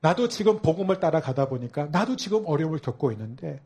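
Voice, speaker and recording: A man with a slightly high, husky voice preaches a sermon. He keeps asking his listeners questions and slips into the inner voices of different believers to make his point. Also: expressive, quick pace, a little mellow. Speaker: pastor.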